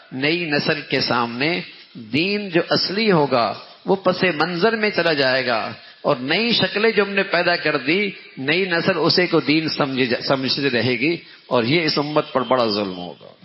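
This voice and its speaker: A man delivers a Ramadan sermon, stressing his points by repeating them and swinging his voice up and down. His voice sits fairly high. The recording is dull and lo-fi, and a long reverb trails each phrase through a mosque hall. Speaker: religious teacher.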